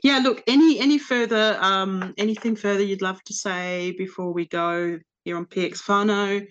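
A woman's voice: mid-range voice, steady tone, moderate pace, faint music behind. A woman hosting a casual radio interview in a rambling, informal, self-deprecating way. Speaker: radio host. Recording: slightly dull, lo-fi sound.

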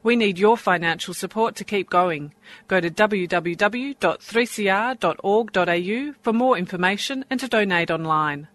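Announcer: woman, mid-pitched, scripted community radio read. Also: moderate pace, fairly bright tone. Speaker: podcast announcer.

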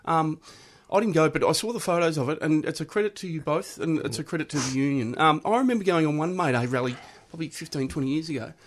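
A man's voice: fairly high pitch, animated, fast, hardly any pauses. A middle-aged Australian man chatting casually as a union official, plain-spoken and blokey. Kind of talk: casual chat.

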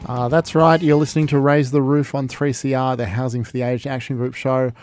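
A man's voice: mid-range voice, little pitch movement, brisk, a little mellow, soft background music. A man hosting a community radio show with a dry, teasing manner. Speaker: host. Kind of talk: casual radio chat.

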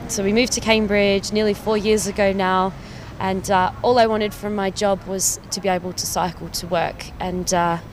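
Recorded with a little hiss or hum, a cycling campaign officer from Perth, Western Australia, recounts her own story casually to camera outdoors on a city street. In her thirties, she has an Australian accent and a mid-range, fairly even voice at normal speed, sounding chatty and eager with small laughs.

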